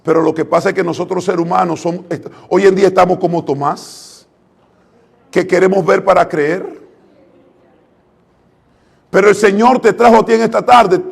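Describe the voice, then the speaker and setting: A man preaching a sermon to his congregation, fervent and calling them brothers, swinging from hushed to loud. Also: high voice, vocal fry, breathy edge. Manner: addresses the congregation directly as brothers.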